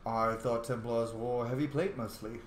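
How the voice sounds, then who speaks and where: A game streamer roleplays through a video game, offering casual, playful, opinionated commentary and swearing freely. His mid-range voice has fairly even intonation and a moderate pace. The recording has a roomy echo and clear background noise.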